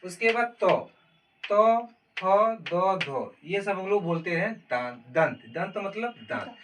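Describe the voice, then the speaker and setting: A man's voice: high-pitched, animated, takes it slowly, fairly bright tone. A man teaching a grammar lesson, explaining step by step and calling out letters one at a time. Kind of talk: classroom-style Hindi grammar lesson. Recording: distant mic with faint noise.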